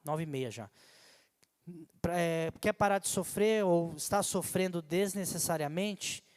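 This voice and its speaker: A man in his thirties preaches to his congregation in a conversational, animated way. His voice sits high for a man. It rings with the long reverb of a church hall. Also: unhurried, clean tone. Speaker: pastor. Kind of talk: sermon. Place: church sanctuary.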